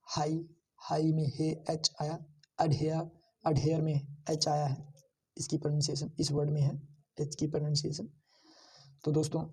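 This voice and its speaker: A man teaching shorthand, slowly repeating each sound and pointing out how every stroke is drawn. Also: a little high, mellow, breathy edge, distant mic. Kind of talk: screen-share lesson.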